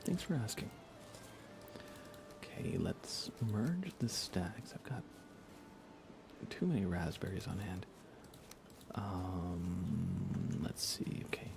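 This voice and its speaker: Slowly and with frequent pauses, a man murmurs ASMR gaming commentary in a low, gravelly voice during a video game livestream. He keeps repeating his phrases in a playful, mock-grumbling way, and the background is noisy.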